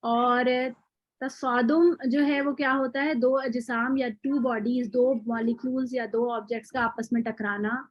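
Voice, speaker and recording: Woman, high voice, tajweed teacher, patient explaining, dull lo-fi audio, dry close sound. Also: fairly even intonation, no room sound. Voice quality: patient, repeats example words slowly. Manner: frequent fillers and self-corrections. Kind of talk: online lecture with recap.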